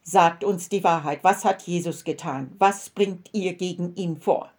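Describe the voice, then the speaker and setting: A woman's voice: on the low side, unhurried. Woman playing a solemn, accusing old priest, raises his voice. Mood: demanding. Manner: commanding, accusing, loud. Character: stern solemn male high priest.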